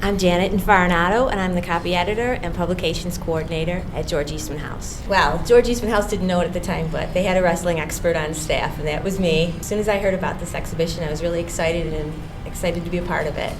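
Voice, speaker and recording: A woman's voice: fairly low pitch, fast, few pauses, noisy background. A woman chatting casually and enthusiastically, as in an informal interview. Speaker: publications coordinator and copy editor, wrestling fan. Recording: music playing behind the voice. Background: music.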